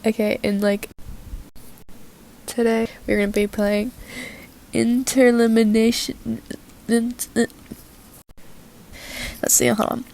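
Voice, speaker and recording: A woman's voice: on the high side, flat delivery, takes it slowly, gravelly, long pauses, a little mellow, poor audio. A young woman with a stuffy cold rambling casually through gameplay commentary, full of "like" and fillers. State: stuffy and sick, coughing. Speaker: gaming video host.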